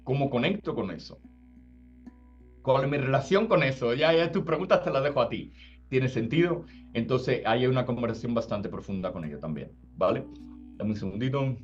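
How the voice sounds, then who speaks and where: A man's voice: medium pitch, lively intonation, normal speed. Casual man giving spiritual talk. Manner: casual, asks "does it make sense?" often. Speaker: spiritual teacher. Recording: slightly dull sound, faint music.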